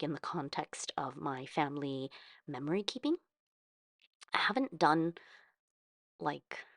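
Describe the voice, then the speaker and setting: Hosting a craft video, a woman from California with an American accent and a low voice rambles conversationally about journaling, thinking aloud as she talks. The sound is dry and clean, like a studio.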